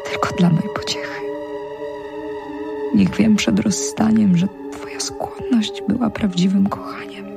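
A woman's voice: mid-range voice, wildly swooping pitch, measured pace, heavily acted. A woman reciting verse as a pleading noblewoman at a parting, half in a whisper. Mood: tender. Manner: whispered, lyrical verse reading. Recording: music clearly behind.

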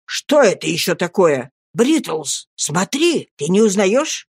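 A woman voicing a boastful, flustered elderly male servant in a storybook reading, speaking lower than her own voice, fussy and self-important. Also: very animated, slow pace, husky, no echo, clean studio sound, heavily acted. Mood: excited boastful.

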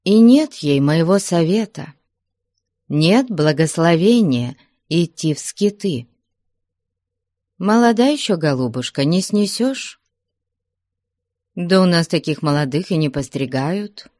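Woman voicing an old abbess, calm, cold, measured, low slow voice. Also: no echo, studio quality.

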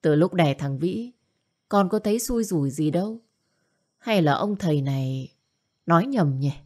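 A woman's voice: lowish voice, animated, moderate pace, a little mellow. A woman voicing a meek grown son who placates his mother hesitantly. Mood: placating.

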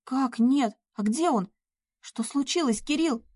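A woman's voice: sits high, animated, moderate pace, a little mellow, no echo, studio quality, voice pushed up. A woman voicing a sobbing, pleading young woman. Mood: distraught pleading. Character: tearful young woman begging over her lost cat.

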